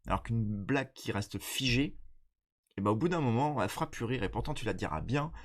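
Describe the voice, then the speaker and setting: A man with a stuffy, nasal voice from a cold, chatting casually and explaining things in a halting, slangy way. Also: mid-range voice, expressive. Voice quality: congested, nasal. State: blocked nose from a cold. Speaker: stand-up comedian.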